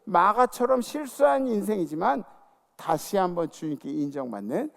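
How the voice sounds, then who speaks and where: A middle-aged man preaching a sermon as senior pastor, calling out to the congregation and dropping into soft asides. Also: normal speed, creaky. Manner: lively preaching, calls for audience response; drops to soft, low asides. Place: church sanctuary.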